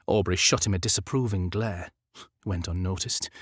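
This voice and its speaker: An audiobook narrator reads a historical novel in a lowish, husky voice, with measured and dramatic storytelling. The recording is dry and close, studio-style, with no echo.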